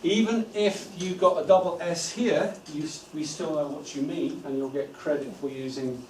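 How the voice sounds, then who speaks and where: A man training teaching assistants in a school room. He gives steady instructions and stretches words out syllable by syllable. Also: fairly high pitch, moderate pace. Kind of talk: training workshop talk. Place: school room with a live audience. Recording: echoey room from far off, noisy.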